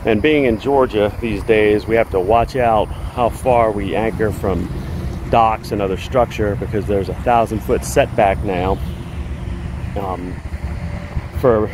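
A man's voice: lowish voice, a little slow, noisy background. A man narrating a sailing vlog from his boat, talking casually and rambling a little with fillers. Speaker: sailing vlogger. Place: on a sailboat at sea.

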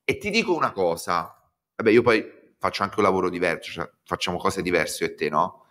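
A man with a very low voice tells his stories in an animated, casual way and swears now and then. He talks like a guest chatting on a live show. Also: fairly quick. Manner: animated storytelling, swears freely. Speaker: guest commentator. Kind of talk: casual chat.

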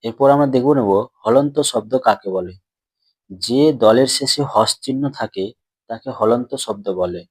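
Male grammar teacher, mid pitch, patient and repetitive, drawn-out words, dry close mic. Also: breathy edge, no echo. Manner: patient, repeats questions and answers them himself; stretches out words slowly when splitting syllables. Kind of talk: classroom lesson explanation.

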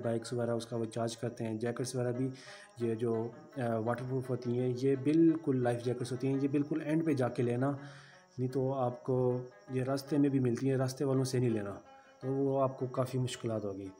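Male travel vlogger. Mellow, mid-pitched voice-over with chatty guidance and faint music underneath. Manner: chatty, explains the route and gives tips to viewers.

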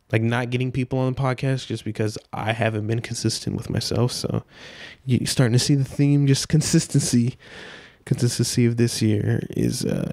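A man's voice: mid-range voice, gravelly, dark tone, dry recording. A man in his twenties hosting a casual solo podcast from a small room at home, rambling in a loose, laid-back way with lots of filler words and swearing, speaking into a handheld mic. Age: 20s. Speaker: podcast host. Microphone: handheld dynamic mic, wearing headphones.

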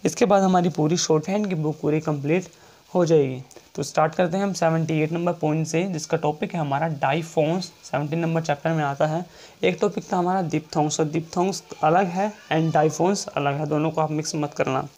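A man teaching shorthand in a classroom-style lecture, repeating each point and checking in often, and reading English rule text out slowly. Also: fairly high pitch, fairly even intonation, darkish tone.

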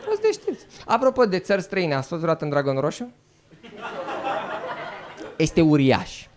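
A man on stage doing a stand-up comedy set, his voice swinging widely in pitch as he mocks and jumps into quick character voices. His pitch sits a touch high for a man. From Romania. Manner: animated, mock-outraged, slips into quick character voices. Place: live comedy venue.

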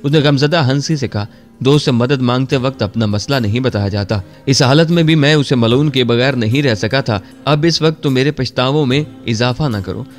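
A man reading a scripted war story aloud as narrator, in a steady, measured storytelling manner. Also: mid-range voice. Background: faint background music.

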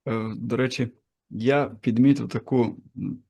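Gravelly-voiced male interviewer, casual and curious. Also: medium pitch, fairly even intonation, unhurried, mellow. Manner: casual, curious, shares personal anecdotes. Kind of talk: conversational interview.

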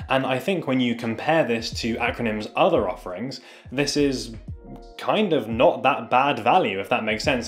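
A man chatting upbeat and casual as he reviews a product straight to his viewers. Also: medium pitch. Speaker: fashion reviewer.

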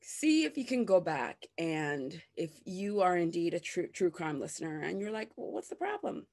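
A woman with a slightly low voice rants straight to camera in a loose, unscripted way. She is candid and swears freely. She drops into exaggerated voices when she imitates what other people say. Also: lively intonation, normal speed, a little mellow. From grew up partly in the United States. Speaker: host of a self-help channel. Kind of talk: casual unscripted rant to camera.

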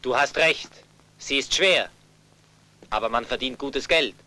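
A man's voice: medium pitch, measured pace, sharp tone, low-quality recording. A man dubbing a young adult younger brother, earnest and insistent, protective of his family. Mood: calm. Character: protective younger brother, a fighter back home. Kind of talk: German film dub.

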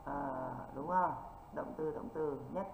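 A woman English teacher from northern Vietnam, running an online exam-prep lesson and constantly checking in with quick rhetorical questions. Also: low voice, creaky, faint music behind. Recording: echoey, dull lo-fi with faint noise.

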